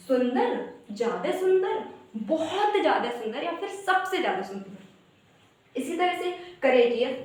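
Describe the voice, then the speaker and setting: Heavy room echo surrounds a woman's highish, darkish voice as she gives online English grammar coaching. Her approach is step-by-step explanation, with "guys" for the viewers and word lists chanted in a sing-song.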